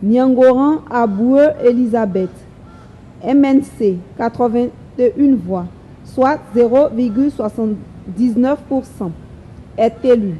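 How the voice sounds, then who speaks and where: A woman, an electoral official giving a formal, slow and deliberate reading of election results figure by figure. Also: on the high side, lo-fi sound, slight background noise. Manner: slow, measured, reads each figure deliberately.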